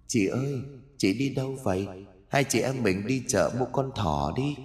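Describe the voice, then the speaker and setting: A man voicing a hushed, eerie ghost girl. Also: medium pitch, expressive, normal speed, breathy edge. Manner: soft, hushed, cold. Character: cold eerie female ghost, little sister.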